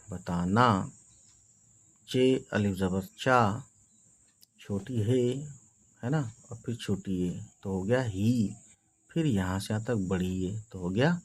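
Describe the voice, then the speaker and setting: A man teaching beginners to read, spelling each word letter by letter and reassuring often that it is easy. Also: on the low side. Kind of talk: slow spelled-out reading lesson.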